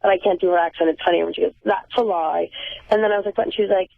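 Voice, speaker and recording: A woman's voice: medium pitch, steady tone, racing, vocal fry. A woman calling in as a guest, talking in a wry, articulate, self-deprecating way in a groggy morning voice. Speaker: phone-in guest. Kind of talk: casual phone chat. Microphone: telephone. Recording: tinny phone line.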